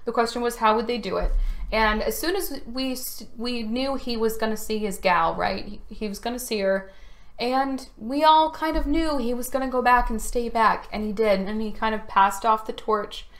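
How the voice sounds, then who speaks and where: A woman's voice: on the high side, normal speed, a bit bright. A woman talking casually to camera about a film at home, chatty and getting emotionally choked up at moments. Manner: emotional, chatty, choking up at times. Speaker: video reviewer. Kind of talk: casual chat. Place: home room. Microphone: camera facing speaker.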